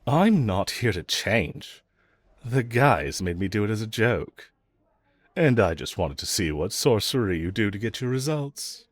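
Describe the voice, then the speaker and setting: In an audio roleplay, a man plays a cocky, flirtatious villain with no remorse, teasing and mocking the listener sarcastically. His lowish voice is expressive and unhurried, recorded with no echo, and he speaks in a dismissive, sarcastic drawl punctuated by chuckles.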